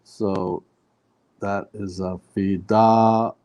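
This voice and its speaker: Man, student in a reading lesson, curious, careful, lowish, mellow voice. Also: measured pace, slight background noise. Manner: curious, sounds out words carefully. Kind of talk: asking questions in a lesson.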